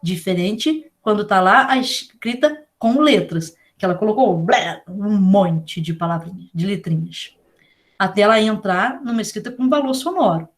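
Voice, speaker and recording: A woman with a Brazilian accent giving a casual online lecture, chatty and full of slang, spelling out letters slowly. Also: mid-range voice, lively intonation. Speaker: teacher.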